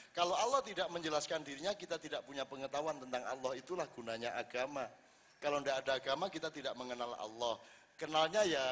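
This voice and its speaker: A man giving a casual, lively sermon at an Islamic gathering and asking his audience rhetorical questions. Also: fairly high pitch. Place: large assembly hall. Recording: long reverb in a large hall.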